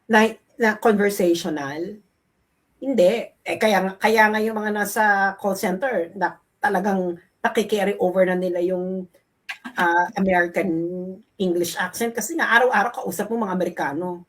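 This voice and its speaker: Blunt gossipy woman co-host. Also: medium pitch. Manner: blunt, emphatic, drawn-out critiques. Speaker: show co-host. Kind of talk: gossipy commentary chat.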